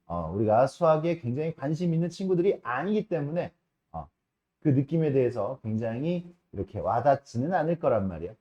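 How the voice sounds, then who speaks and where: A man teaching a math class in a casual lecture style, often checking with his students and slowing down to stress key terms. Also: medium pitch, very animated, mellow, muffled recording. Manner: casual, asks students frequent checking questions.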